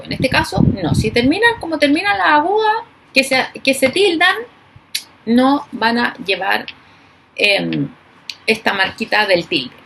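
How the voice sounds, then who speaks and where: A woman teacher giving a recorded class, speaking slowly and emphatically and stressing each example word. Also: fairly high pitch, gravelly, a bit bright, husky.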